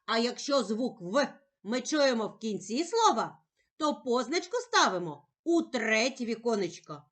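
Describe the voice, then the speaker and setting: A woman teacher speaking slowly and carefully in a sing-song voice, giving a reading lesson for young children. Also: fairly high pitch, very animated. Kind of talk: slow, clearly articulated children's reading lesson.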